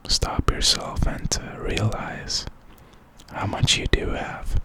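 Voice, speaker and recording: A man giving a whispered pep talk in ASMR style, speaking in a breathy, unvoiced whisper with an encouraging, reflective manner. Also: takes it slowly. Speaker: ASMR creator.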